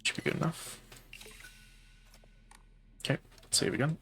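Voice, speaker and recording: A man's voice: measured pace, fairly bright tone, a little hiss or hum. A man casually commentating his horror game playthrough as a streamer, talking through puzzle steps with loose fillers and the odd swear. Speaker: gaming streamer. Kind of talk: casual let's-play commentary.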